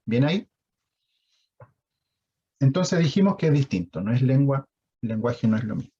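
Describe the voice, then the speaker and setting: Husky Chilean man teaching online. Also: mid-range voice, big pitch swings, normal speed, mellow, muffled recording. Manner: explanatory, asks the audience questions. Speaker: sign language instructor. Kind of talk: online lecture.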